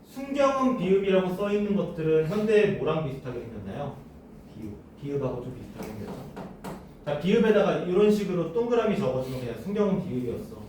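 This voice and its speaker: Guy teaching a class, lively up and down voice, sounds far off in a boomy room. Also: quick pace, heavy reverb, slight background noise. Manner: asks students questions and answers them himself. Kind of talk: classroom lecture.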